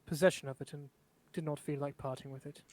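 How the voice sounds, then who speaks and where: A man's voice: on the high side, fairly even intonation, fast talker, darkish tone, dry recording. Earnest man playing a priest character. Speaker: player. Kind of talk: in-character speech.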